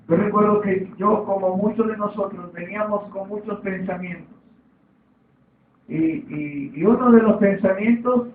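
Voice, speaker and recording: A man preaching a sermon, repeating his points and calling for amens. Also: high-pitched. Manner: repetitive, calls for amen. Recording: echoey, distant, phone-like sound.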